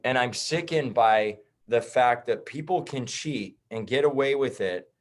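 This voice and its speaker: A chiropractor in his thirties, guesting on a podcast, speaks bluntly and heatedly in casual conversation, swearing and calling people "bro." His voice is medium-pitched and his pace measured.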